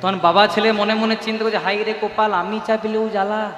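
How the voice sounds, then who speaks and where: A male kirtan singer addressing a devotional gathering, an animated, coaxing storyteller speaking through a handheld microphone. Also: high-pitched, brisk. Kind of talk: devotional talk and call-and-response kirtan. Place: live devotional gathering in a reverberant hall. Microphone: handheld stage microphone. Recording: echoey live hall with music.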